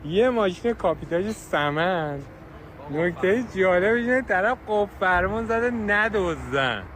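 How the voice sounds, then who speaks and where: A man's voice: high voice, lively intonation, fairly bright tone. A man giving joking, casual commentary for a street video, recorded outdoors. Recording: clear street and vehicle noise.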